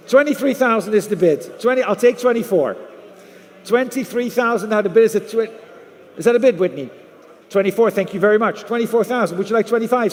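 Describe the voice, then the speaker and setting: A man runs a live auction in a high voice. He repeats figures and bids again and again as he calls for the next one. His voice rings through a large, reverberant hall. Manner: repetitive calling of numbers and bids. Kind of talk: live auction bid-calling.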